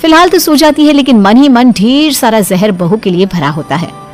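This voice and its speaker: A woman telling a cartoon moral story, her pitch swinging widely as she narrates. Faint music runs beneath her voice. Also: expressive, moderate pace.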